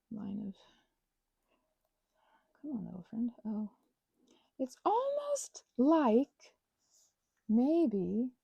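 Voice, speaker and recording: The voice is a woman's, a little high, creaky, and slightly rough, captured dry with the highs cut off. She hosts a casual craft ASMR chat, talking to herself in a self-mocking, sarcastic-but-playful way, often sinking to near-whispers and straying into tangents.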